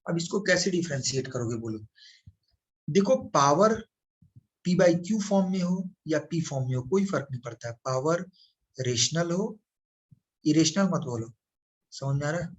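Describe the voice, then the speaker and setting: A man's voice: a little high, animated, normal speed, pauses often, dull audio. Man teaching maths, quizzing students. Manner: asks students questions and answers them himself; calls the listener "beta", coaxing. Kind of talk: blackboard maths lesson.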